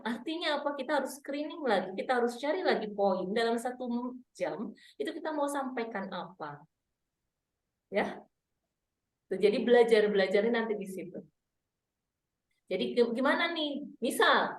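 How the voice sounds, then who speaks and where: A woman's voice: on the high side, animated, moderate pace, long pauses, roomy sound. A woman public speaking coach teaching an online workshop, demonstrating vowel drills aloud.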